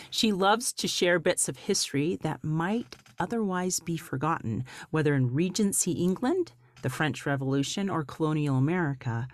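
A woman hosting an interview podcast, with a low, soothing voice, presenting and asking questions. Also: dry recording. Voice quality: low, soothing, beautiful speaking voice. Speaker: podcast host. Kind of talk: scripted show introduction and interview.

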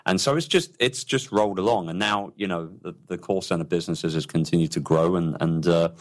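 A man with a notably deep, low voice talks as an interview guest. He is enthusiastic and loose, circling back and restarting his sentences as he goes. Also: brisk. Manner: enthusiastic, rambling with many restarts. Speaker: entrepreneur guest. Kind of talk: casual interview talk.

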